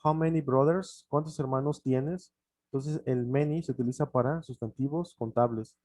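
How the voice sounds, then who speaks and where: A man whose first language is Spanish, teaching an online English grammar lesson, explaining step by step and repeating examples, often pausing with fillers. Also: medium pitch, fairly even intonation, dark tone, dry recording.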